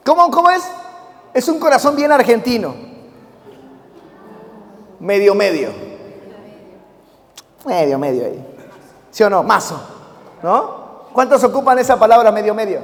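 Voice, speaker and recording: A man preaches from a church hall, his voice sitting unusually high for a man. He keeps throwing questions at the congregation and calling for them to repeat phrases back. Long reverb trails after each phrase. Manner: lively call-and-response preaching with many questions to the congregation. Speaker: pastor. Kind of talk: sermon.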